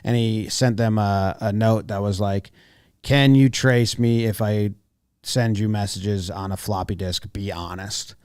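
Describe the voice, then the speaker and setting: A man's voice: on the low side, fairly even intonation, a little slow, darkish tone, clean tone, no echo, clean studio sound. A man, talking casually as a podcast co-host. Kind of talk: casual podcast banter and ad reads.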